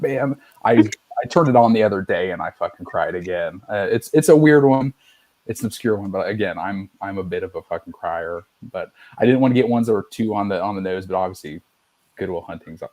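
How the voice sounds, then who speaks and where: Hosting a podcast, a middle-aged man talks casually, rambling and swearing without restraint. His voice sits low and is a little mellow, recorded with no room sound.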